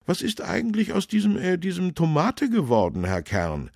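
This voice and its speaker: A man voicing a fussy male town councillor in a high, excited, hesitant voice. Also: normal speed, gravelly, no echo, studio quality, full character voice. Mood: flustered.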